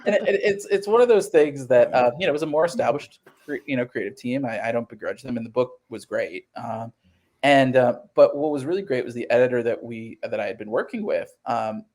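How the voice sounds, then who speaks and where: A man's darkish, medium-pitched voice comes through with lively intonation and a slightly fast delivery. In his thirties, this comic book writer is an interview guest who earnestly describes his creative work in conversational stories, dramatizing quotes as he tells them.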